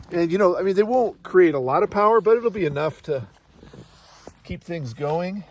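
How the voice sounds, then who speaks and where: A man's voice: sits high, expressive, unhurried. Breathless man vlogging outdoors in snow. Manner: chatty, talks to his dog between remarks. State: out of breath from the cold. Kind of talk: casual vlog chat to camera. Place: outdoors in snowy mountains beside a travel trailer. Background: dog nearby.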